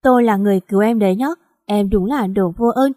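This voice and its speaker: A woman's voice: mid-range voice, fast talker, warm tone, no room sound, studio quality, close to an everyday voice. A woman voicing a blunt, teasing young man who acts as a rescuer. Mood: brusque. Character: rude but caring young male rescuer.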